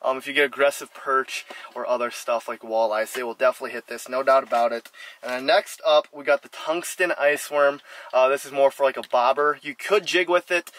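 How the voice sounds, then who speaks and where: A man's voice: medium pitch, a little fast, fairly bright tone. A young man hosting a fishing vlog, chatting casually as he shows lures and rigs his line inside a small ice fishing shelter, recorded on a camera mic. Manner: laid-back, chatty, talks while rigging gear. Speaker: fishing channel host. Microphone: camera mic, then head-mounted action camera.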